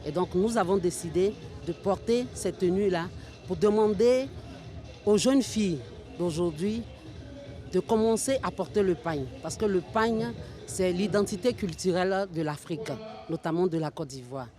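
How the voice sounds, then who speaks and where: A woman's voice: fairly low pitch, moderate pace, mellow, faint music behind. A woman explaining her group's cause earnestly in a news interview. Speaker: association member. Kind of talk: interview soundbite.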